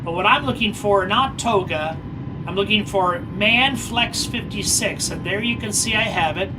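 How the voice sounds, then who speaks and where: A woman pilot explains cockpit procedures and reads back radio clearances at a medium pitch. A clear engine and air-conditioning hum runs behind her. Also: normal speed. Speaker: flight simulator pilot and presenter.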